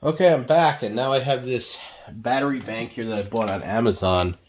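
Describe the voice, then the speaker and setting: Speaking at a normal speed in a mid-range voice, this man gives relaxed unboxing commentary as a product reviewer. His talk is rambling and uncertain, full of fillers as he thinks aloud, and he drifts from the camera mic now and then while walking around his home.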